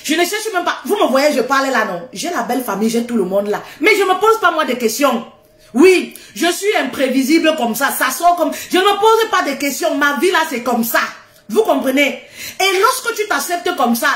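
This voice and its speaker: A woman giving a casual motivational talk, loud and laughing often, repeating phrases for emphasis. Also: sits high, very animated, normal speed, reverberant.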